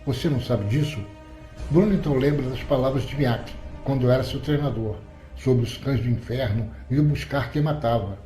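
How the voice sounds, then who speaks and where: Mellow-voiced male storyteller. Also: mid-range voice, normal speed, soft background music. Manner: steady, even storytelling. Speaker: narrator. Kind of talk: audio story reading. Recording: roomy echoey recording.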